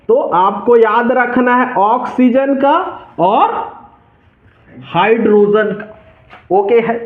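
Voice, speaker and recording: High-voiced Chhattisgarhi teacher quizzing students. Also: male voice. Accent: Chhattisgarhi Hindi. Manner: call-and-response quizzing, repeats key answers. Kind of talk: exam-prep chemistry lesson. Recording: tinny, echoey lo-fi room audio.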